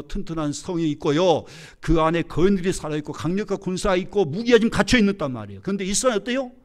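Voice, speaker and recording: A man preaching a Sunday sermon as pastor in a church, emphatic and full of rhetorical questions to the congregation. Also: a little high. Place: church sanctuary.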